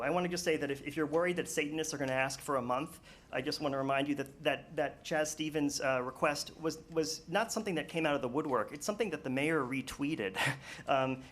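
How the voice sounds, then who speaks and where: A man giving a public comment at a town meeting, earnest and a little nervous, halting with many fillers. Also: a little high, fairly bright tone.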